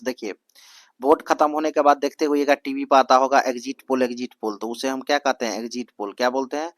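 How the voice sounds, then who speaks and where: A young man leads a coaching lesson at an even middle pitch, asking "what is it called?" and repeating each answer in a drill. He reads the English prompts slowly, word by word. The sound is dry and close, with no room echo. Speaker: exam coaching teacher. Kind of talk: Hindi exam-prep lesson mixed with English.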